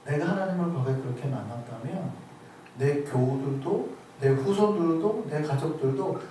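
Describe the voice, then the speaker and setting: A man's voice: on the high side, expressive, normal speed, dark tone, a little hiss or hum. A man preaching a sermon as pastor, asking his congregation rhetorical questions. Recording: very echoey hall, voice from a distance.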